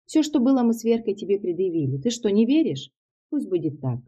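Audiobook: woman voicing a cornered tough guy, blunt and urgent, dark husky tone. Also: mid-range voice, lively intonation, normal speed. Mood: indignant. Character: desperate fighting man, rough and blunt.

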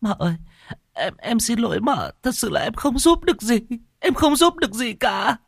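A man's voice: very high voice, expressive, a little slow, vocal fry, no echo, clean studio sound, voice pushed up, full character voice. A man voicing a frightened young female servant who stammers and pleads through tears. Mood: sobbing, stammering.

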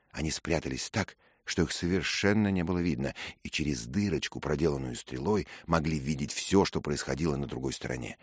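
A man reading an adventure novel aloud in steady, measured scripted narration. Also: very deep voice, husky, no room sound, clean studio sound. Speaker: audiobook reader.

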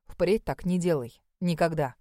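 A woman's voice: dark tone, dry recording, studio quality, close to an everyday voice. A woman voicing a stern brooding young husband. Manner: firm, low and measured.

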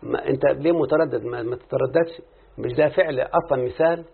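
Gravelly Egyptian teacher quizzing a student. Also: male voice, medium pitch, fast. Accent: Egyptian Arabic. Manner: quizzing, coaxing, repeats answers back. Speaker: teacher of Arabic morphology. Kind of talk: classroom lesson with questions to a student. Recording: phone-like lo-fi audio.

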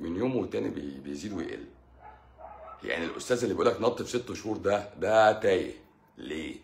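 A man's voice: fairly low pitch, vocal fry, reverberant. A man with an Egyptian Arabic accent, a doctor hosting a live stream who answers viewers casually, explaining in a teasing, sarcastic way.

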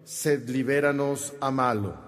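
An actor playing a courteous, devout priest in a radio drama, solemn and measured, with music behind him. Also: male voice, medium pitch, over a noisy crowd, lightly acted. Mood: solemn prayer.

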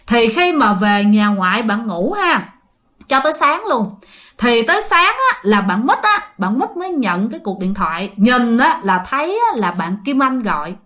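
A woman with a Southern Vietnamese accent narrates a ghost story casually. Her voice sits high, and she talks in a loose, chatty way full of fillers, turning often to her listeners. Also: very animated, normal speed, bright, forceful tone.

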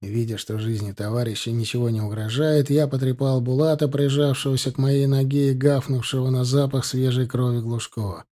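A man narrating an audiobook in a steady, measured storytelling voice. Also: mid-range voice. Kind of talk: scripted narration.

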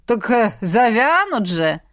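A woman voicing a clingy, showy young man, the heroine's ex-boyfriend, who calls out loudly and drags his words. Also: on the high side, big pitch swings, dry recording, studio quality. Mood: smug. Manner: loud, drawn-out calling.

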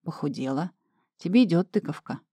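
A woman reading the part of a smooth-talking, possessive husband in an audiobook, her voice lowered and quieter. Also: animated, a little fast, no echo. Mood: coaxing.

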